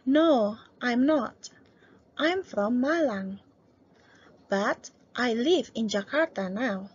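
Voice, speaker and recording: A woman reading a friendly male photographer in a lesson dialogue, high and slow, breathy, dull lo-fi sound. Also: heavily acted. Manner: polite, even textbook dialogue. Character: friendly adult man named Jim, a photographer.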